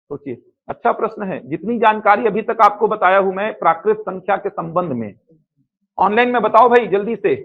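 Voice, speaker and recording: A man's voice: high-pitched, vocal fry. A man teaching a live online math class, who asks questions and answers them himself, with a Chhattisgarh Hindi accent. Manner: repetitive, asks and answers his own questions. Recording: tinny phone-like sound.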